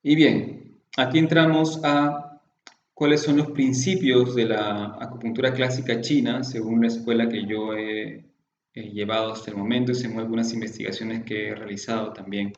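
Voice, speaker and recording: A man's voice: medium pitch, fairly even intonation, normal speed, reverberant, muffled recording, a little hiss or hum. A man giving a course lecture on classical Chinese medicine, explaining patiently and posing rhetorical questions to his students. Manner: explanatory, poses rhetorical questions, often adds tag questions.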